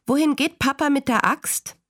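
A woman's voice: normal speed, a bit bright, dry recording, clean studio sound. A woman doing an upset eight-year-old girl. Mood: puzzled. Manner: pleading, high and agitated.

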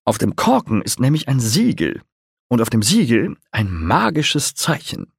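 A man voicing a boastful, excitable young male troubadour with a gleeful, possessive manner, read in an audiobook. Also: unhurried, creaky, husky, no room sound, clean studio sound, full character voice. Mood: teasing. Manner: gleeful, possessive, high and bright.

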